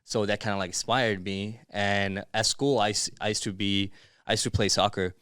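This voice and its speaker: Speaking at a moderate pace in a fairly low, steady voice that's fairly bright, clear, and resonant, this man is recorded in clean studio sound with no room sound. Originally from Bangladesh and raised in Dubai and Miami, he's a podcast guest chatting casually and slangily, saying "bro" and "dude."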